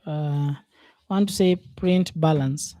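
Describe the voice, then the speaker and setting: A programming instructor leads a casual screen-share coding lesson, thinking aloud slowly with plenty of fillers. His voice is on the high side and warm, recorded dry with studio quality.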